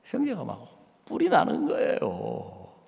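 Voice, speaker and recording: Man, pastor, lively pitch swings, long church reverb. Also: measured pace, creaky. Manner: animated storytelling, acting out both sides of a dialogue. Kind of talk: sermon with acted-out anecdote. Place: church sanctuary.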